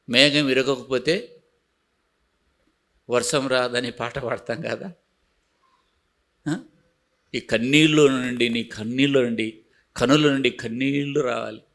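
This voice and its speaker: A man preaching a sermon as pastor, with emphatic repeated refrains that drop to a soft, pleading hush. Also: mid-range voice.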